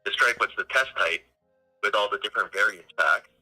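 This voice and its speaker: A man's voice: fairly low pitch, a little fast, sharp tone, soft background music, rough recording. A man heard over a phone on speakerphone, a phoned-in guest expert in casual chat who stops to search for names as he explains.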